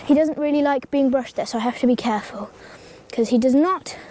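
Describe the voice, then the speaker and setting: A teenage girl with a slight cold chats her way through a casual horse-grooming how-to in an outdoor stable yard, standing beside a pony she sometimes talks to. Her voice sits high and a little mellow, moving fairly quickly and rambling with lots of ums and likes. There's slight background noise.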